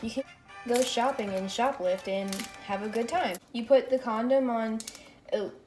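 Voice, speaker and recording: A woman's voice: on the high side, roomy sound. A young woman vlogging in a home kitchen, chatting casually in a joking, self-mocking way into the camera mic. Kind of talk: casual chat. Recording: loud clicking noise in background.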